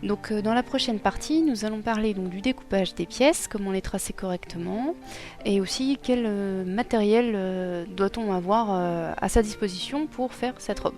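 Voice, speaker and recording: A woman's voice: medium pitch, normal speed, darkish tone. Young woman explaining her sewing pattern, lots of ums, bit apologetic, music going behind her. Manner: hesitant, many ums, self-deprecating. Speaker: costume maker presenting a sewing project. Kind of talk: casual tutorial narration.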